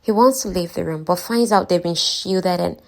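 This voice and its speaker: A woman's voice: lowish voice, normal speed, vocal fry. A woman casually retelling a fantasy novel's story, chatting to her listeners with offhand asides. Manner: chatty, conversational, talks to listeners. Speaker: book recap narrator.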